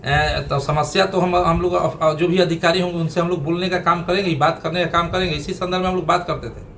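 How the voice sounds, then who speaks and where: A politician answering reporters' questions in a defensive, halting way with many fillers. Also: male voice, fairly high pitch, steady tone, a bit bright, slight background noise. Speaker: legislator answering press. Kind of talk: press interview.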